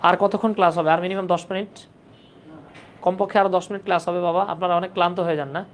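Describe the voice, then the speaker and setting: A little hiss or hum sits under this rapid-fire, mid-range voice with little pitch movement. In a live online grammar class for job exams, the teacher patiently repeats material and keeps checking that the students are following.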